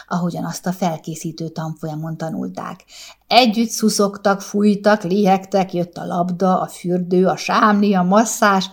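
Woman, audiobook narrator, calm and measured, gentle, slightly low voice.

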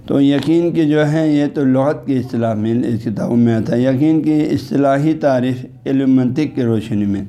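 A religious scholar teaches in a very dark, mellow male voice, unhurried and explanatory. He often pauses to check in with his listeners. He slows down when he recites Arabic scripture and technical terms. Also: mid-range voice. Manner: patient, explanatory, repeats "haan ji" to check on listeners. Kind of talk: religious lecture.

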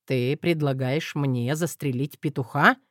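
A man's voice: mid-range voice, unhurried, fairly bright tone, no room sound, studio quality. A man narrating a first-person audiobook in a wry, self-mocking way.

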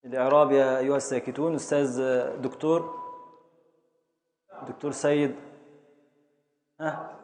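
A man with an Egyptian accent teaching a class on Arabic prosody and grammar. He drills syllables slowly, stretching words to beat out the meter, and calls on students. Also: a little high, a little mellow. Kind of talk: classroom lesson, calling on students. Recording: echoey hall with long reverb.

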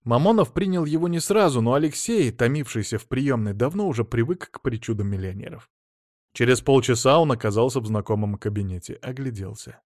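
A man reading an audiobook aloud in an ironic, lively storytelling manner. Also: medium pitch, a little fast, no echo, clean studio sound. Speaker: audiobook narrator. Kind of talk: audiobook narration with acted dialogue.

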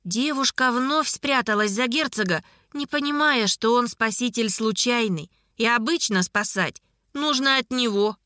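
A woman reading first-person scripted narration for an audiobook in a wry, measured storytelling manner. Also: on the high side, sharp tone, no echo, clean studio sound.

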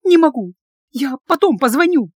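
A woman's voice: high-pitched, very animated, moderate pace, no room sound, studio quality, voice pushed up. A woman voicing a betrayed young woman who is crying and desperate, in an audiobook. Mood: distraught. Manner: tearful, breaking into loud cries.

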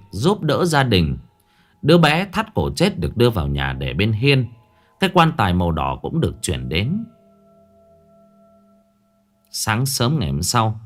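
A man, narrating a ghost story in a dramatic, expressive manner. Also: fairly low pitch.

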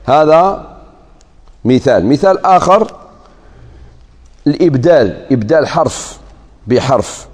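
A man with an Algerian accent giving a religious lesson, reciting verses slowly and explaining them in quick colloquial asides. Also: medium pitch, lively intonation, a little mellow. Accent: Algerian Arabic. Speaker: Islamic scholar teaching Quranic sciences. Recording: long hall reverb.

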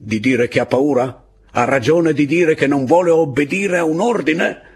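A man playing an exalted, fanatical army captain who shouts at his soldiers in an audiobook reading. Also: medium pitch, big pitch swings, normal speed, husky, voice pushed up. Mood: tense, commanding.

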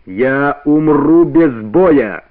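A man's voice: fairly high pitch, expressive, pitched above the performer's own voice. A man as Akela, the proud old wolf leader. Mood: stern, solemn. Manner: measured, dignified, rising to solemn force. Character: aging male wolf leader, proud and stern. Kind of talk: radio play reading. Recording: narrow-band old radio recording.

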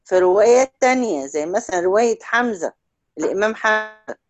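A woman with an Egyptian Arabic accent teaching Quran recitation one-on-one, stretching example words out slowly and checking in often with short questions. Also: medium pitch, expressive. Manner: drawls out example words slowly to demonstrate sounds. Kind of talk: one-on-one tajweed lesson.

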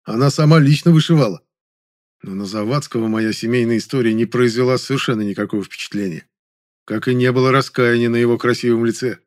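A man's voice: medium pitch, fairly even intonation, fast talker. A man reading a novel aloud in the first person, with a wry, dry delivery. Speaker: audiobook narrator.

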